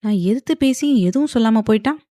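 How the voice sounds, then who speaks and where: A woman's voice: fairly high pitch, quick pace, dark tone, no echo, pitched above the performer's own voice, natural voice. Cheeky sassy wife from an audio romance, sarcastic, dry mic, woman voicing her. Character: sassy, playful young wife.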